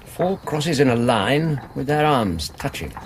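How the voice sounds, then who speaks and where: An actor playing an earnest, romantic doctor in a radio drama, musing and courteous. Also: male voice, mid-range voice, big pitch swings, measured pace. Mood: curious, puzzled. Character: thoughtful, earnest, romantic English doctor companion. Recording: noisy radio drama ambience.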